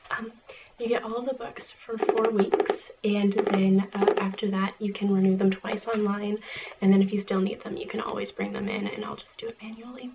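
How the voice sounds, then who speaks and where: A woman doing an ASMR role-play as a friendly, chatty small-town librarian, speaking in a soft, murmured library soft voice. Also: mid-range voice, expressive, normal speed. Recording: distant, muffled, clearly noisy recording.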